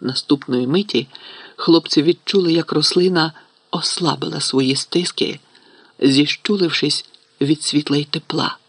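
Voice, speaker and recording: Gravelly male audiobook narrator. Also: on the high side, a little slow, no echo. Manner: steady storytelling. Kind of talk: scripted narration.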